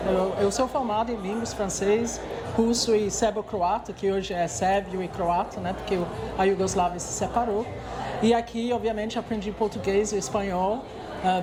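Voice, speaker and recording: Speaking Portuguese as a second language, this English woman in her sixties is a guest executive fielding interview questions. She hesitates and restarts often in a mid-range voice with an English accent. The background is noisy.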